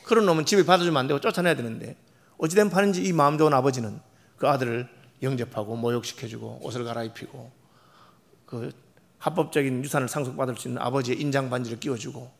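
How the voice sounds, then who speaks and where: Male pastor, sermon, rapid delivery, gravelly voice, rhetorical questions, parable storytelling. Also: medium pitch. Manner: emphatic, asks the congregation questions and answers them; retells parables, acting out the characters' lines. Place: church sanctuary.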